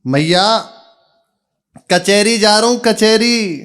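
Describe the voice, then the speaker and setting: A man voicing an exasperated young cowherd son with a Braj accent, repeating words loudly so a deaf mother can hear. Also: sits high, steady tone, voice pushed up. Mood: exasperated pleading. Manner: shouting slowly to be heard, repeating words.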